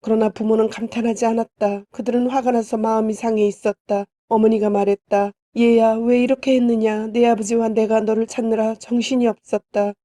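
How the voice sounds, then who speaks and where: A woman giving a steady, measured reading of scripture. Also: fairly high pitch, no echo, clean studio sound. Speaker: Bible reader.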